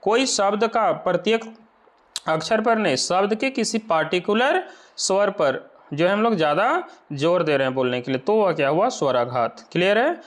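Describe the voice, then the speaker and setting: A man teaching an exam-prep lesson, explaining step by step and often asking whether the point is clear. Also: high voice, lively intonation. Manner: explains slowly, checks understanding with rhetorical questions.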